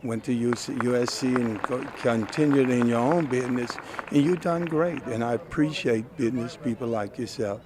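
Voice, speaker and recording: An older man, a community guest, speaking outdoors in a plainspoken, appreciative way. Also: mid-range voice. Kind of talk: outdoor event interview. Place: outdoors at a city event. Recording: crowd noise behind. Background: crowd.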